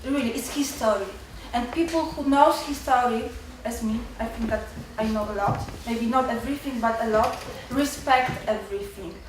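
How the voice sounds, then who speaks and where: A nervous, stressed Polish woman in her twenties, a university student, asks a question from the floor of a seminar room in a fairly high voice. Her unscripted remarks come out haltingly, with repeated and broken-off words. The recording is distant and very echoey, with faint noise in the hall.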